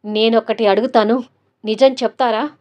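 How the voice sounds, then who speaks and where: A woman voicing a hot-tempered young man who shouts furiously at his mother. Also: a little high, steady tone, normal speed, natural voice. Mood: bitter. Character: angry young husband, hot-tempered son.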